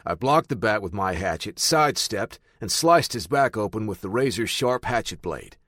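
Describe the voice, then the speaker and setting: A man narrating a first-person audiobook in a steady, matter-of-fact way. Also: fairly low pitch, moderate pace, no room sound, clean studio sound.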